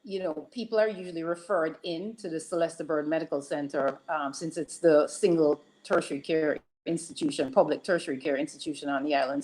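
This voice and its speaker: A woman surgeon calling in over a crackly, static-filled phone line, answering hesitantly with many ums and restarts. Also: low voice. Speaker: guest general surgeon. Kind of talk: call-in interview answers.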